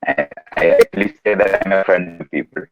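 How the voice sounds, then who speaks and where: A man's voice: no echo, dull audio, faint music behind. Older man on a choppy, robotic internet call. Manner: slow, unhurried, frank, with short laughs. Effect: choppy, robotic, low-quality internet audio. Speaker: invited guest. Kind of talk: casual conversation over a video call. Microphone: phone on a video call.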